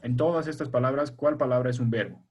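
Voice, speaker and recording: Husky-voiced man teaching a class online. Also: mid-range voice, fast, darkish tone. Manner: patient, explains step by step and quizzes pupils. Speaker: primary school teacher. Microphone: video call.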